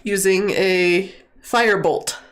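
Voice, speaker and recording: A woman game master talks at a slow pace in a mid-range voice. Her narration of the tabletop game is casual and conversational. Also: mid-range voice, steady tone.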